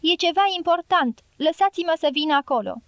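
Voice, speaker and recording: A desperate young guerrilla fighter calls out across the dark in pleading shouts, as a woman reads him aloud. The voice sits high and strained, and it sounds close and dry with no room around it. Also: animated, no echo.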